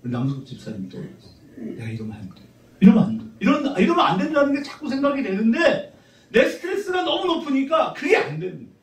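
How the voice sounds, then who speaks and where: A middle-aged man preaching a sermon as pastor, conversational and animated, teasing his congregation. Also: extremely high pitch, fast talker. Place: church sanctuary. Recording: roomy church sound from a distant mic.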